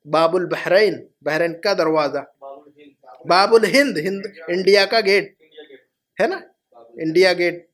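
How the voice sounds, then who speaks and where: High-voiced man teaching in a classroom. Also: fairly bright tone. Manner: patient, repeats each phrase slowly. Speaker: Arabic teacher. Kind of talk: classroom lesson.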